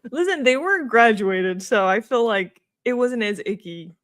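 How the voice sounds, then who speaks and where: A woman's voice: fairly high pitch, expressive, unhurried, a bit bright, dry recording. A woman co-hosting a book club chat, laughing often and reading from her notes. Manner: giggly, reads from her notes. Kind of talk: casual chat.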